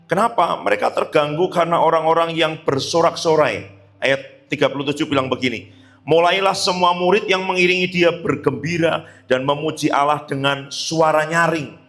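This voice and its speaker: Fervent high-voiced male preacher. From Indonesia. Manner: reads scripture then preaches with rising fervor, shouting at peaks. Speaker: pastor. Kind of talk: sermon.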